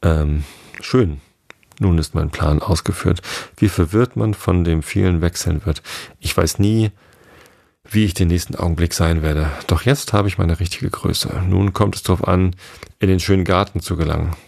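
A man reading the part of a curious, indignant little girl in a storybook, his husky voice lifted only a little. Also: low voice, normal speed, a little mellow, no room sound, clean studio sound. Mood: musing. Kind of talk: audiobook reading of a classic tale.

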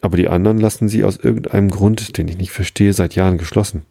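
Brief: kindly old Santa Claus, read by a man, jovial storybook voice, dark and husky, dry close recording. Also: low voice, steady tone, fast talker, no room sound. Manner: jovial, warmly explaining. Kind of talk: storybook reading.

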